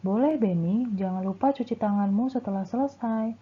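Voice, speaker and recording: A woman reading aloud the part of a patient male school gardener who calmly explains his work. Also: medium pitch, normal speed, breathy edge, voice pushed up, lightly acted. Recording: tinny phone-like sound.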